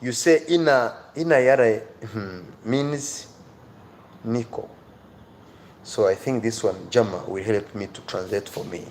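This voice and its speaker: On a livestream, an online teacher and host gives an English reading-skills lesson, speaking directly to viewers, emphatically repeating phrases and pleading with and encouraging them. His voice is fairly low, unhurried and a little mellow, with clear background noise.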